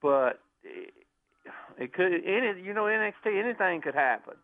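A man's voice: sits high, lively intonation, normal speed, dry recording. A man calling in to a radio show over a phone line, chatting casually in a rambling, enthusiastic way with frequent restarts. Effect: caller heard over a phone line. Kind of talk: casual chat.

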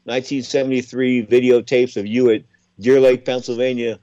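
A man in his sixties hosting a radio talk show, chatty and animated as he tells stories and asks questions. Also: mid-range voice, moderate pace, dry recording, highs cut off. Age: 60s.

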